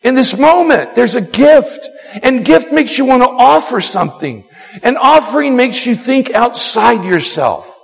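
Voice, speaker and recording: A man preaching a sermon as pastor, animated and acting out quoted lines, often repeating himself. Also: extremely high pitch, gravelly. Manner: animated, acts out quotes, frequent repetitions. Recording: long hall reverb.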